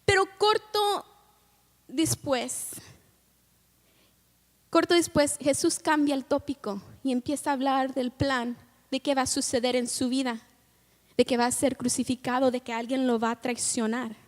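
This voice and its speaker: A woman with a high voice preaches to a congregation, moving between Spanish and English and often putting questions to her listeners. She acts out scenes with dramatic quoted lines. The recording carries the long reverb of a church sanctuary. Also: steady tone, measured pace, long pauses. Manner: asks the congregation frequent questions. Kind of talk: bilingual sermon.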